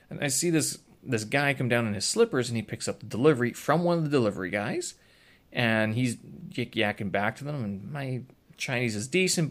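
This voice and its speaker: Rambling man telling a story. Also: mid-range voice. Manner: rambling, self-interrupting, chuckling asides. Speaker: vlogger. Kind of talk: casual storytelling monologue.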